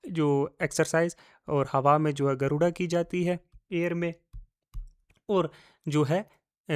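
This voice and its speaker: A man gives an exam-prep lecture in a chatty, classroom way, with terms. His voice sits a little high for a man. He repeats the key words and poses his own quiz questions before answering them. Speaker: teacher.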